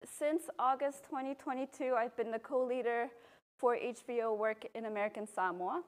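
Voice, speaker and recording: A volcanologist from Belgium giving a public talk, a woman explaining at a podium microphone in a university lecture room, relaxed, with frequent ums. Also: a little high, normal speed. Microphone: podium microphone, filmed from a far camera.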